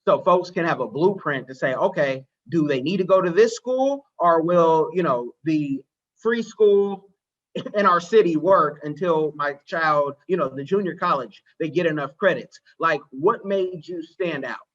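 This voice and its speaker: A man's voice: on the high side, measured pace, a bit bright. A middle-aged man hosting a podcast interview, talking in a conversational way and asking long, winding questions. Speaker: podcast host. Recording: muffled, dull audio.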